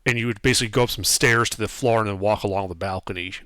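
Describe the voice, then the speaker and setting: A man's voice: fairly low pitch, very fast, fairly bright tone, dry recording, clean studio sound. A man narrating a tabletop game as game master in a casual, improvised way, often searching for words.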